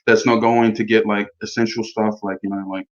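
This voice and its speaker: A man's voice: on the low side, little pitch movement, a little fast, lo-fi sound. Rambling young Australian guy. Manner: rambling with many fillers, laughs often. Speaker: guest. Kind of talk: casual chat.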